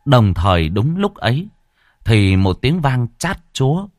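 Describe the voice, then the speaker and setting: A man narrating a horror story in an expressive storytelling manner. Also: medium pitch, measured pace, no room sound, studio quality. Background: faint background music.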